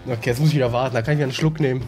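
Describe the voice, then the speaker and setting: A man doing excitable let's-play commentary, shouting and wailing when he fails, sometimes singing his words, talking straight to his viewers. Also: medium pitch, rapid-fire, over loud music. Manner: excitable, shouts and wails at failures, playful sing-song bits; talks straight to viewers as "Leute". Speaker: gaming YouTuber.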